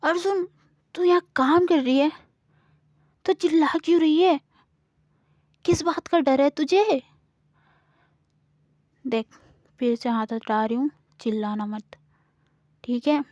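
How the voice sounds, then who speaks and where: A woman's voice: high voice, slow pace, pauses often, no room sound, voice pushed up. Woman playing a bossy, scolding young landowner, commanding, dry close recording. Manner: scolding, commanding, sometimes hushed. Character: bossy, brash young woman who owns the fields.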